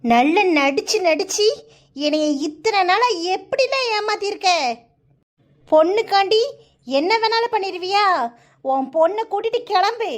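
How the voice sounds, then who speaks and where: Indignant cartoon village mother voiced by a woman; very high, reproachful, southern Tamil Nadu accent. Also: expressive, a little slow, pauses often. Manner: reproachful, scolding.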